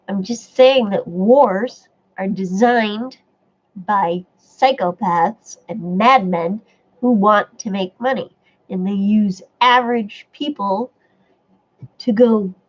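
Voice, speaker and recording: A woman hosting a casual live stream, reading viewer comments aloud and chatting back, with a stuffy nose. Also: medium pitch. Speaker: livestream host reading chat. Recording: dull lo-fi stream audio.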